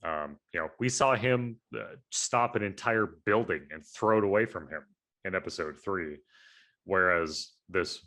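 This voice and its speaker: A man's voice: sits low, a little slow, fairly bright tone. A man co-hosting a podcast in casual chat, analytical and rambling, with many fillers and restarts. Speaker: podcast co-host.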